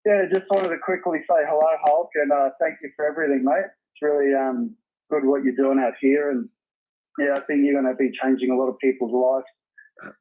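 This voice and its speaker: A man's voice: medium pitch, fairly even intonation, normal speed. A man from Australia with an Australian accent, calling into a live show over a phone on speakerphone, chatty and appreciative. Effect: heard over a phone on speakerphone. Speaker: caller. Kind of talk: casual call-in chat. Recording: tinny phone line on speakerphone.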